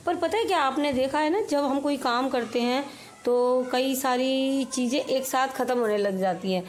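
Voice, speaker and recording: A woman's voice: high-pitched, normal speed. A middle-aged woman talks in a chatty, homely way, narrating her daily chores as a voice-over. Her throat is a little sore, and a faint hiss sits behind her voice. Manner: chatty, homely, explains while working. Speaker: home vlogger. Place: home.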